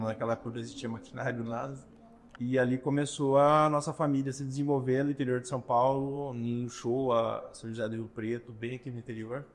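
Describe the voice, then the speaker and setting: Unhurried storytelling Brazilian man. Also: medium pitch, a little hiss or hum. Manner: unhurried storyteller, pauses often to find words. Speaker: guest, restaurant entrepreneur. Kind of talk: casual interview talk.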